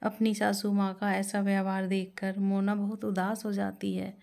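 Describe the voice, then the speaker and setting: A woman narrating a moral story in a plain, steady reading voice. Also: medium pitch, moderate pace, creaky.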